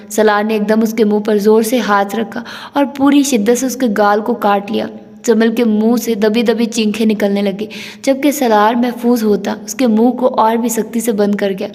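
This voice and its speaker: Woman narrating a novel, echoing. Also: a little high. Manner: steady storytelling reading. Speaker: audiobook narrator. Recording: long hall reverb.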